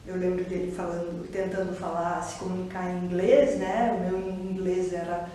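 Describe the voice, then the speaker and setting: A woman from Curitiba, Brazil, with a Brazilian Portuguese accent, giving a reflective personal testimony in an interview, pausing and restarting often. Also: lowish voice, level tone, warm tone. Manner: reflective, hesitant, many pauses and restarts. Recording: echoey room, distant mic, faint ambient noise.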